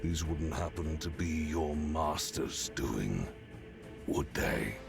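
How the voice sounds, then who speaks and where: An actor playing a stern, menacing ruler in a video game, with a low gravelly growl and a commanding, formal manner. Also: male voice, animated, slow, heavily acted. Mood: stern suspicion. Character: stern, menacing male sovereign giving orders. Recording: game music behind the voice.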